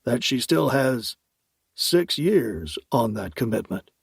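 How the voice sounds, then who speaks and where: A man's voice: mid-range voice, sing-song, takes it slowly, gravelly, slightly rough, no echo, clean studio sound, full character voice. A man voicing a wry, talkative elderly uncle in an audiobook, genial and teasing as he tells a story. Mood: sly.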